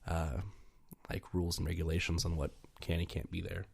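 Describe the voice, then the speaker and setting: A man's voice: deep voice, flat delivery, a little fast, creaky, husky. A young man co-hosting a podcast, chatting casually in a rambling way with frequent fillers and laughs. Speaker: podcast co-host. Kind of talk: casual chat.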